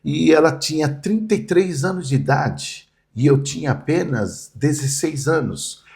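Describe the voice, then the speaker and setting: A man's voice: on the high side, measured pace, vocal fry, darkish tone. A man, a pastor vividly telling stories in a podcast interview. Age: 60s. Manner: vivid storyteller, acts out quoted voices.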